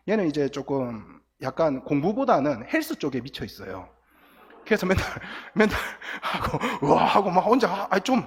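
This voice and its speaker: A middle-aged guest pastor with a fairly high, husky voice delivers a lively sermon to teenagers in a church sanctuary, packed with stories. He acts out scenes, mimicking crying and quoting lines. The audio comes through the church sound system, recorded from the booth, with a long hall reverb.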